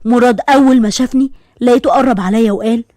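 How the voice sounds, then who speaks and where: A woman with an Egyptian accent narrates a first-person horror tale in a quick, suspenseful run of speech. Her voice sits a little high, recorded close and dry with no room sound. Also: mellow, no room sound. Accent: Egyptian Arabic. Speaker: storyteller.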